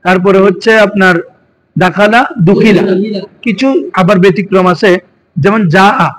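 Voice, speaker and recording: A man's voice: sits high, fairly even intonation, moderate pace, fairly bright tone, rough recording. A man with a Bangladeshi Bengali accent teaching a class, constantly asking his students questions as he explains. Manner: quizzing students with frequent questions. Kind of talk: classroom lesson.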